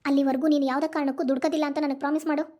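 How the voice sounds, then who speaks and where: Woman as weepy protective cartoon mother, North Karnataka accent, high voice, very rapid speech. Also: flat delivery, mellow, lightly acted. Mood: tearful. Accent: North Karnataka Kannada. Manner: tearful, anxious, protective. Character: grieving mother reunited with her son. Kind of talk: cartoon voice acting.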